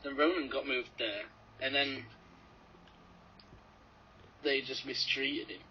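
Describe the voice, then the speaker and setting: A man's voice: medium pitch, steady tone, slow, breathy edge. A young man co-hosting a podcast in casual chat, joking and teasing his friends, swearing now and then. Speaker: podcast co-host. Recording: dull lo-fi podcast recording.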